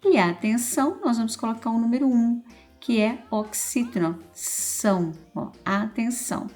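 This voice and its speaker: Brazilian teacher lady going over homework slowly, faint music behind. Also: on the high side, expressive, dark tone. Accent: Brazilian Portuguese. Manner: slow, patient, stretches key words, often adds "então" and "ó". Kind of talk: correcting school exercises aloud.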